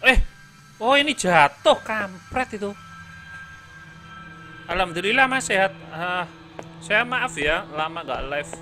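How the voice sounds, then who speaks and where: A man streaming a horror game live, chatty and apologetic, breaking into startled shouts. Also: high-pitched, animated, slow, pauses often. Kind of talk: live gameplay commentary. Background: game music.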